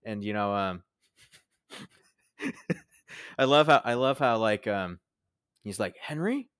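A man's voice: on the low side, expressive, slow pace, a bit bright, smooth, dry recording, studio quality. A young man casually reviewing a movie with a friend, rambling with many fillers and restarts. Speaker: podcast co-host.

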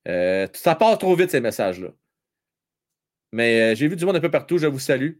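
A man's voice: mid-range voice, lively intonation, normal speed. A man with a Quebec French accent hosting a live stream, chatting casually with viewers and teasing them, repeating himself with lots of fillers. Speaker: live stream host reading viewer chat during a hockey game. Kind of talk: casual live chat with hockey updates.

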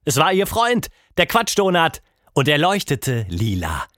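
A man narrating a children's audiobook in a lively, expressive reading style. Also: a little high, a little slow, no room sound, clean studio sound. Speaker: storyteller.

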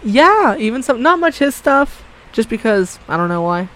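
A woman's voice: fairly high pitch, sing-song, normal speed, fairly bright tone, poor audio. A woman co-hosts a casual chat on a podcast. She talks bluntly and swears freely. She often breaks into laughter. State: coughing briefly. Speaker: podcast co-host.

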